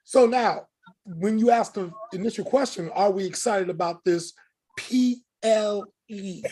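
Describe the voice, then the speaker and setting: A man's voice: sits high, moderate pace, warm tone, slightly rough. A man co-hosting a podcast, ranting emphatically and with exasperation about wrestling storylines. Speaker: podcast co-host. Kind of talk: casual wrestling chat.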